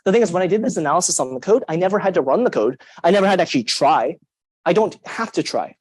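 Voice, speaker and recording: A young man lecturing a university class, lively and emphatic, putting questions to the students. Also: high voice, no room sound, rough recording. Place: lecture hall.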